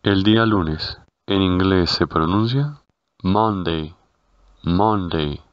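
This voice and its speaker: A man with a very low voice narrates a scripted language lesson at a slow, deliberate pace. He repeats each word carefully. The recording is dry and a bit dull and lo-fi. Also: smooth, no room sound. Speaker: language teacher.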